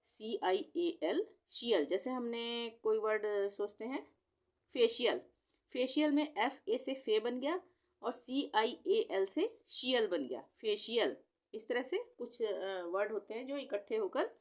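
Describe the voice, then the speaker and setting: A woman's voice: fairly high pitch, lively intonation, takes it slowly. A woman teacher patiently sounding out long words letter by letter in a spelling lesson.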